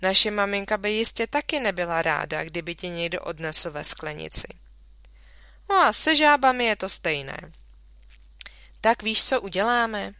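A kind, patient storybook father, read by a woman, talks softly and reasonably. The voice stays bright and clear, and the recording is close and dry. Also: mid-range voice, lively intonation, no room sound. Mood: gentle. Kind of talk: storybook reading.

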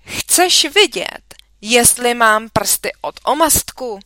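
A woman reading puts on a blunt, hungry storybook schoolboy with greasy hands, offhand and quick to bristle. The voice is bright and crisp, in a dry, close sound. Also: fairly high pitch, animated, no echo, voice pushed up. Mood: provoked.

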